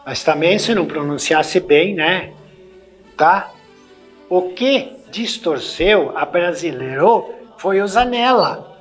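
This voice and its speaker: A man's voice: fairly high pitch, slow pace, faint music behind. A man from Brazil with a Brazilian Portuguese accent, giving a spoken language lesson. He spells out letters and sounds one by one and often adds tag questions. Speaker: language teacher.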